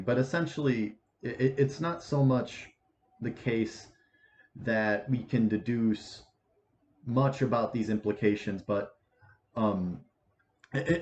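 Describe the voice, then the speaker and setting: A man in his twenties explains math in a casual, halting way, often restarting his phrases. His voice sits low, and the recording sounds dull and lo-fi with a roomy echo and a faint hiss behind it. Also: a little mellow. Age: 20s. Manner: halting, many restarts and fillers. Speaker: math teacher. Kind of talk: casual lecture.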